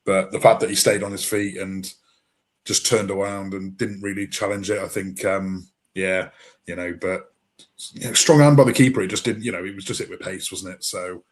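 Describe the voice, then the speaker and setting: A deep-voiced man co-hosts a relaxed football podcast and works as a referee himself. Speaking at a normal speed with fairly even intonation, he reasons aloud, using lots of fillers and tag questions.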